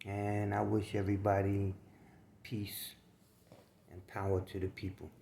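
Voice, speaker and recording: Slow, low-voiced older man reading his memoir. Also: completely flat delivery, creaky, mellow. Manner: unhurried and plainspoken. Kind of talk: reading aloud with casual asides. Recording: roomy room with faint background noise.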